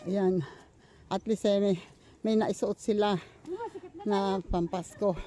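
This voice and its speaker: A woman's voice: mid-range voice, fairly even intonation, slow pace, warm tone. An older woman vlogging outdoors in the countryside, out of breath from walking and rambling with fillers as she thanks her supporters. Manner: rambling, many fillers and restarts while walking. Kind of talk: casual vlog thank-yous and chat.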